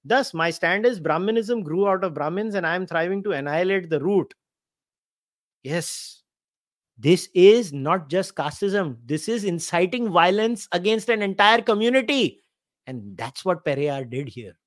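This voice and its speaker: A man's voice: sits high, expressive, unhurried, no echo, clean studio sound. A man with an Indian accent hosting casual live commentary, speaking in an opinionated, sardonic and emphatic manner. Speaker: host of a commentary live stream. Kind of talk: casual live commentary, reading out quotes and answering viewers.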